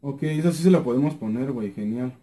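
A young gaming YouTuber from Mexico talks fast in a mid-range voice, commenting on his gameplay with a Mexican accent. He swears a lot, gets worked up easily, and repeats words in low mutters.

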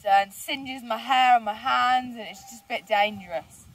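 With background noise around her, a young vlogger speaks at a normal speed in a fairly high, steady voice. She's wild camping on a mountainside by a lake, chatting casually to her handheld selfie camera and laughing often.

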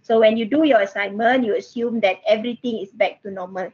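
Malaysian female lecturer, middle-aged, fairly high voice, Manglish particles and repetition, slightly muffled video-call headset sound. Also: a little fast, darkish tone. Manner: Manglish code-switching with particles like lah, kan, ah; repeats phrases. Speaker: university lecturer. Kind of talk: online tutorial, casual explaining. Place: indoor room with bookshelves, video call. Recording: muffled, band-limited video call audio.

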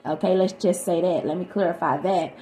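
A woman giving a chatty, animated tarot reading to her viewers. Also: fairly low pitch, fairly quick. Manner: animated, chatty, sings snatches of songs. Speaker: tarot reader. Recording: echoey room, faint background noise.

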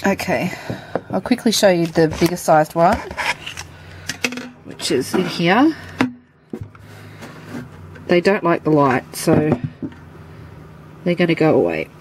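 Indoors at home by a terrarium, a woman with a cold presents her pets to a handheld camera in a casual show-and-tell vlog, chatting and explaining as she handles them. Her stuffy, nasal voice is low and animated, slow-paced with frequent pauses. Background noise is noticeable.

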